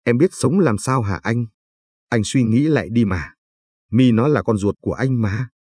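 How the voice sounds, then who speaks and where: A man reading the part of a desperate young mother who begs her husband in a storybook reading, in his own husky voice. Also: medium pitch, a little mellow, dry recording, clean studio sound, close to an everyday voice. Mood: begging. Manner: tearful begging, quick.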